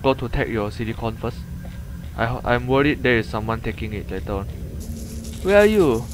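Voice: medium pitch, fairly even intonation, fairly quick. Malaysian gamer chatting over noisy game sound. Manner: colloquial Malaysian English with lah and Malay words. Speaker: gamer, host of gameplay video. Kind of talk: casual gameplay chat with a co-player. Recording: clear game noise behind. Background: video game ambience and sound effects.

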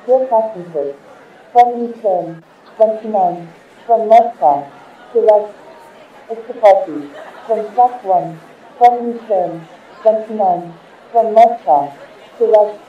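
Female transport announcer, very slow delivery, formal airport-style announcement, tinny distant loudspeaker. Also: mid-range voice, echoey room, a faint crowd. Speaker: station announcer.

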